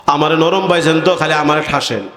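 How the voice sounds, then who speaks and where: Guy giving a sermon, keeps quizzing the crowd, high pitched, super echoey hall. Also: a little fast. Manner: colloquial, questions the audience. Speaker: Islamic preacher. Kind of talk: Bengali sermon with storytelling. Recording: echoey hall over loudspeakers.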